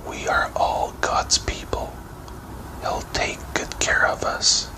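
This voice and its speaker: A brave young shepherd boy full of faith, acted out by a man speaks in a storybook whispered role-play. The delivery is breathy and slow, all in a whisper. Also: lightly acted, poor audio. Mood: earnest, brave.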